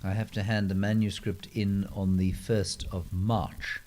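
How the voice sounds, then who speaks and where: Male host for a relaxed live Q&A, low warm tone, dry self-deprecating wit, handheld mic. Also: unhurried. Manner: dry, self-mocking humour with playful put-on voices. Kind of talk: casual live Q&A chat. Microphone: handheld microphone.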